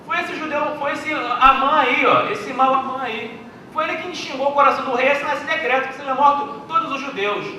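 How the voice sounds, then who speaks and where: A man's voice: very high-pitched, brisk, bright, forceful tone, slight background noise, pitched above the performer's own voice, heavily acted. A man voicing a pleading young queen. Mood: accusing. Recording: echoey hall from far off.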